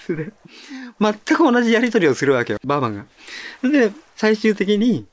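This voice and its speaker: A middle-aged man hosts a monologue show and tells a personal story in a relaxed, conversational way. His pitch rises and falls constantly, and he often drops to a quiet murmur. He talks with the easy rhythm of someone chatting to listeners. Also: normal speed, dry recording. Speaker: author and monologue host.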